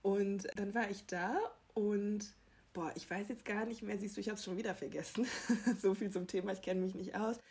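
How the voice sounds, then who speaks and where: Woman, young adult, husky, casual interview guest, laughing anecdotes. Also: mid-range voice, steady tone, moderate pace, a little mellow. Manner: chatty, laughing, self-deprecating storyteller. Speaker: TV entertainment reporter.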